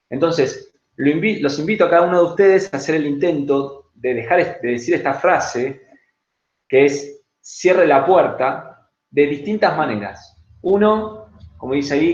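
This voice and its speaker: A man with an Argentine accent giving a virtual class on public speaking, conversational and often checking in with "¿sí?". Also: mid-range voice. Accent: Rioplatense Spanish. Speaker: lecturer. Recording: roomy, dull online-class audio.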